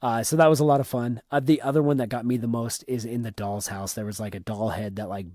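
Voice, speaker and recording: A man co-hosting a podcast, chatting casually and excitedly about a theme park trip, often repeating words. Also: medium pitch, fast talker, no echo, clean studio sound. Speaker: podcast co-host. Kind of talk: casual trip recap chat.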